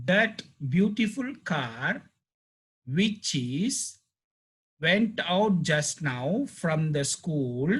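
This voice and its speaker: Brief: male language teacher, slow and patient, husky voice. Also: on the high side. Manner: explains slowly, repeats phrases, translates word by word. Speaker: Arabic teacher. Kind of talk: language lesson.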